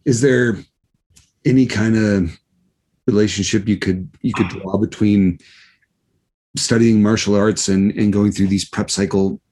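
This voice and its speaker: Guy hosting a chill interview, lowish warm voice, stops and restarts a lot. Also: fairly even intonation. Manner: halting, reflective, many restarts. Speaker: podcast host. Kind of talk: casual interview chat.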